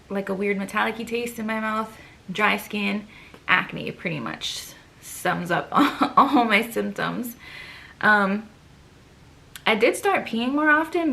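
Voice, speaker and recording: A woman's voice: medium pitch, vocal fry, pushed and bright. A young woman vlogger chatting casually to camera, out of breath, with lots of fillers and sighs.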